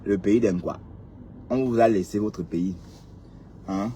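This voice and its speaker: A man's voice: lowish voice, takes it slowly, dark tone, a little hiss or hum. A man from Cameroon, ranting sarcastically to his viewers and firing rhetorical questions at them. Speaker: commentator addressing viewers. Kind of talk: casual ranting commentary. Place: in a vehicle on the road.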